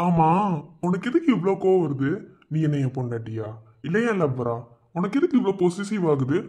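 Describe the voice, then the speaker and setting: A woman acting an exasperated young man who keeps telling his sister to be quiet. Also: on the low side, big pitch swings, a little fast, breathy edge. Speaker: comedy skit actor.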